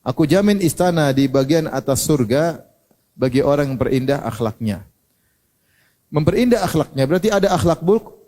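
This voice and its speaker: A man's voice: fairly high pitch, mellow. A man preaching a sermon with humor, throwing rhetorical questions at his listeners. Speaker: Islamic preacher.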